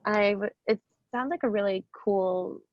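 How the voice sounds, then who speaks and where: A young woman speaks over a video call, her voice coming through muffled and dull, as if from a laptop microphone. The sound is dry and close, with no room echo. She asks her question hesitantly, filling pauses with um and like. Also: mid-range voice. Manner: hesitant, many "um" and "like" fillers. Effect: video call audio. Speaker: audience member asking a question. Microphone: computer mic on a video call.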